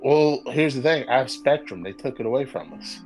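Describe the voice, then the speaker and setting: A man co-hosting a podcast, talking casually and excitedly, often wandering off into side notes. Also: medium pitch, brisk, faint music behind. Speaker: podcast co-host. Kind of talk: casual chat.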